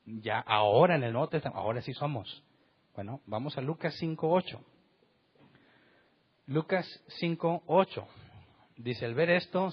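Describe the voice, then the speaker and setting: Emphatic husky male preacher. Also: medium pitch. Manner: emphatic, rhetorical questions, acts out quotes. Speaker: pastor. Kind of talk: sermon. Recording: dull lo-fi sound.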